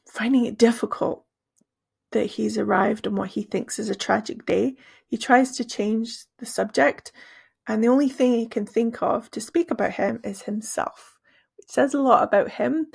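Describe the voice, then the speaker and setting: She's an English teacher whose rough, hoarse, gravelly voice runs a little high for a woman. Walking through story vocabulary at an unhurried, explanatory pace, she keeps stopping and starting over.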